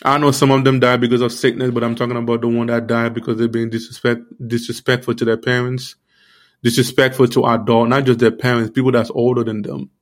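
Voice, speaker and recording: A man giving an earnest, informal sermon, repeating himself often and filling pauses with "you know". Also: mid-range voice, flat delivery. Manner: earnest, repetitive, many fillers like "you know". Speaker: preacher.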